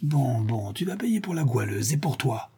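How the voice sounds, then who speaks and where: A brutal male bandit fresh from the prison hulks, spitting slangy threats in a raised, husky voice. A man acts him out in a storybook reading. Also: a little high, expressive, normal speed, warm tone, voice pushed up. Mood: menacing.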